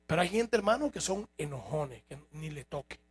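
A man's voice: fairly high pitch, big pitch swings, normal speed, breathy edge. A man preaching a sermon to his congregation, emphatic and full of rhetorical questions. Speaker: pastor. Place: church.

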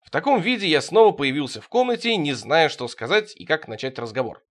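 Man, audiobook narration, wry deadpan delivery, slightly high voice, very lively intonation. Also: a little fast. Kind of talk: audiobook reading of absurdist prose.

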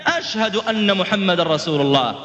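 A preacher as a steadfast young believer. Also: male voice, high-pitched, lively intonation, a little fast, a bit bright, muffled recording, pitched above the performer's own voice. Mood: defiant. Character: young devout man, defiant and steadfast. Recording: reverberant hall.

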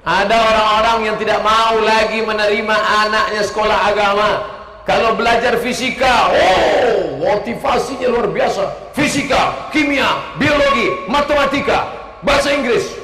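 High-voiced joking preacher in an echoey hall. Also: male voice. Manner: lively, joking, shouts lists for emphasis. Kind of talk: humorous sermon. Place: large hall with a stage. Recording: echoey hall with long reverb.

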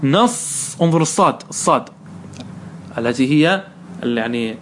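A man's voice: fairly high pitch, lively intonation, fast talker, slight background noise. A man teaching Arabic morphology one-on-one, patiently quizzing his student and praising the answers. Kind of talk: one-on-one lesson, question and answer.

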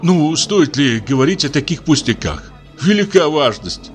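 A man voicing a fussy, embarrassed middle-aged go-between who tries to smooth things over. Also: on the high side, very animated, moderate pace, soft background music. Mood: placating. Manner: embarrassed, placating.

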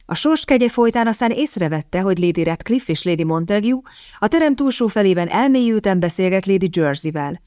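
A woman narrating a novel as an audiobook in a measured, even storytelling manner, recorded close on a studio mic. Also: medium pitch, no echo.

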